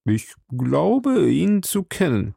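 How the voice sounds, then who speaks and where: A man's voice: on the high side, big pitch swings, slow pace, gravelly, mellow, husky, no echo, clean studio sound, voice pushed up, full character voice. A man voicing a timid, frightened middle-aged male shopkeeper who speaks hesitantly and pleads anxiously.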